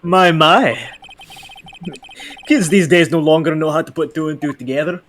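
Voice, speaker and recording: A man's voice: a little high, moderate pace, fairly bright tone, a little hiss or hum, natural voice. A man voicing a scheming older police chief in a put-on Irish accent, chuckling and patronizing.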